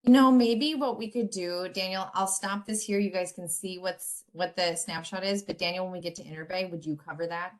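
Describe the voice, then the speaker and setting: A woman presenting remotely at a public meeting, keeping it brief and hurried, her audio cutting in and out so the volume swings up and down. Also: lowish voice, fairly even intonation. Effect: audio cutting in and out, uneven volume.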